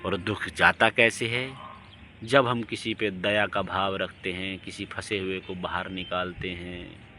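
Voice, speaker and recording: A man giving an impassioned, preachy monologue, his voice swinging from emphatic outbursts down to low, quiet lines. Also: steady tone, measured pace, soft background music, low-quality recording. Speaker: religious speaker.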